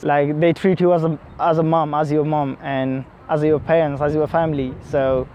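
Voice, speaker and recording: An eighteen-year-old man from Afghanistan, a student, speaking hesitantly with many pauses. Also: on the high side, little pitch movement, a little mellow, dull audio, a little hiss or hum. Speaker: student and care leaver. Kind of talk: interview to camera.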